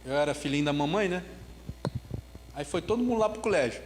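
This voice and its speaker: Male pastor, high voice, animated storytelling sermon, recorded in a reverberant church hall with faint room noise. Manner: ends with a slow spoken prayer.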